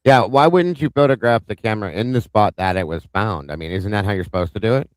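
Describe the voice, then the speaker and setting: A man co-hosting a casual livestream case discussion, blunt and joking, quick to poke fun at himself. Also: on the low side, dry recording, rough recording. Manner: blunt, joking, self-deprecating. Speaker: livestream co-host.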